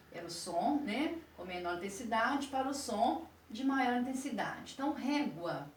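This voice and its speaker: A woman teacher with a Brazilian Portuguese accent giving a video lesson to sixth graders, explaining slowly and asking the class questions as she goes. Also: on the high side. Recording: roomy echo, voice from a distance, faint noise.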